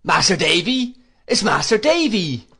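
Man playing Ham, loud high-pitched young fisherman. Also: a little slow, husky, heavily acted. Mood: exultant. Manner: shouting, repetitive, excited. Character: bashful, hearty young fisherman, exultant and loud.

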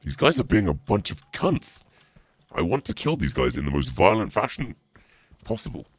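This horror-game streamer keeps up a stream of cursing, ridicule and trash talk, performed with theatrical flair. At a moderate pace, his deep, gravelly, sing-song voice, sometimes altered by a voice changer, comes through a dry recording.

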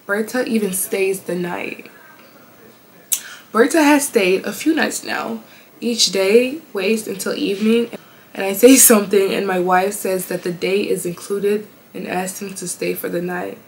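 A woman host reading online confessions aloud from her bed, casual and slangy, reacting out loud as she reads. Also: medium pitch, measured pace, slight background noise, rough recording. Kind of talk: casual chatty commentary.

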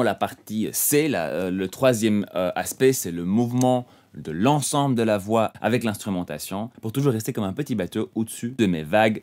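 A man teaching audio mixing in a relaxed tutorial style, often dropping a quick "hop" as he demonstrates. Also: on the low side. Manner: relaxed explaining, frequent "hop" interjections. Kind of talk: tutorial explanation.

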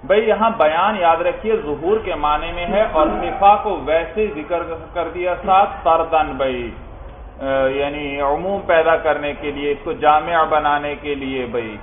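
A man with a fairly high voice teaches a class, asking his students questions and answering them himself as he works through Arabic text. The room is echoey and the recording sounds thin and phone-like. A faint hiss sits underneath. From Pakistan. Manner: reads Arabic text aloud then explains it. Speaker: teacher of Islamic jurisprudence. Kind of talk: classroom lecture.

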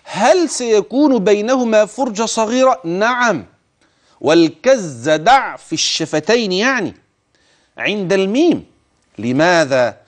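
A man teaching the rules of Quran recitation. He speaks straight to the listener, urges attention, and slowly stretches words to demonstrate how they should be pronounced. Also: high-pitched, sing-song. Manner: addresses the listener directly, urging attention. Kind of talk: tajweed lesson with recited examples.

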